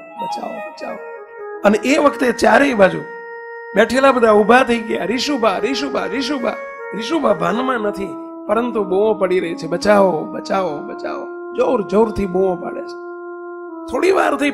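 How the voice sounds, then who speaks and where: A man's voice: high-pitched, creaky, slightly rough. A man preaching a sermon, telling a story with emphatic delivery and acted-out cries and dialogue.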